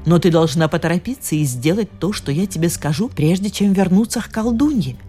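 A woman voicing a kindly, wise fairy giving gentle instructions. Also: lowish voice, expressive, brisk, soft background music, close to an everyday voice.

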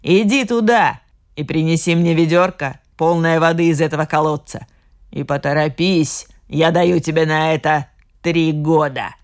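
A woman's voice: low-pitched, moderate pace. A woman voicing a cruel old witch who hisses threats and barks commands. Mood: commanding. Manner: hissing, menacing commands.

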